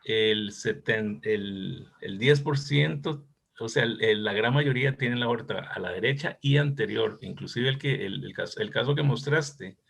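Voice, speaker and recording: Slow, gravelly man in his 60s. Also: on the low side, a bit bright. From Costa Rica. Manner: thoughtful, reminiscing, hesitant. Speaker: cardiologist discussing a case presentation. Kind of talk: academic case discussion.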